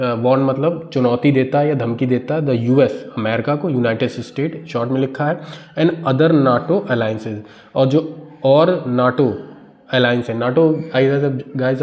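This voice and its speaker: Indian man, English teacher, reads the news slowly, explains word by word, everyday voice. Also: medium pitch, a little mellow. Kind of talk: explaining a newspaper article in Hindi.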